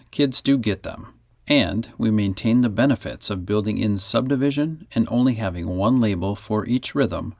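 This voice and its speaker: Low, gravelly male music teacher. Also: dry recording, studio quality. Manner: methodical, chants counting syllables. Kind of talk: instructional narration.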